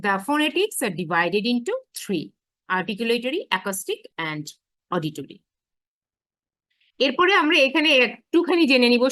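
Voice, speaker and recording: Higher-pitched woman teaching, dry close sound. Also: a bit bright, no echo. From Bangladesh. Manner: switches between careful slow English and brisk Bengali explanation. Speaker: university English teacher. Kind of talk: bilingual lecture on phonetics.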